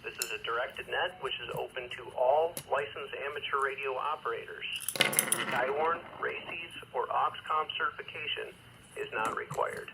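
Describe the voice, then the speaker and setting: A man acting as amateur radio net controller, reading procedure in a measured, formal way over two-way radio with static. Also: medium pitch, creaky. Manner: measured, formal, with hesitant asides. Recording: radio transmission with faint static noise.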